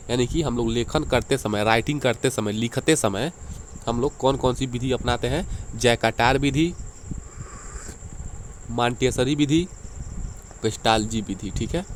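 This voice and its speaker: Male tutor at mid pitch, patient exam-prep explainer who quizzes rhetorically; faint crickets behind. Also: slight background noise. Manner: explanatory, repeats key terms, asks rhetorical questions. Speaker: teacher.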